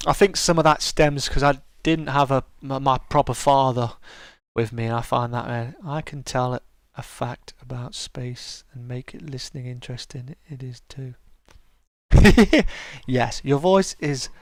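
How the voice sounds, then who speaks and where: Speaking a little slowly with fairly even intonation, a middle-aged man uses his mid-range, smooth and soothing voice to host a casual live-stream chat. The recording is dry. He reads and answers comments in a friendly, chatty way, full of stammers and restarts.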